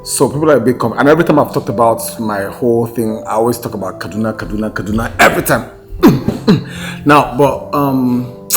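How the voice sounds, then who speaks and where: A man's voice: mid-range voice, fairly quick, over music. A man from Nigeria with a Nigerian accent, co-hosting a casual chat in a playful, enthusiastic way. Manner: enthusiastic, playful, laughs often. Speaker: podcast co-host.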